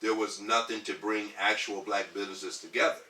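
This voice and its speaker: A man in his thirties from Detroit talks earnestly as a podcast guest, his slightly low voice carrying a bright, forceful edge. He rambles through ums and restarts. He sits away from the mic in an echoey room. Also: fairly even intonation, a little fast, distant mic. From Detroit, US Midwest. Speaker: podcast guest, community organizer. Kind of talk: casual podcast conversation.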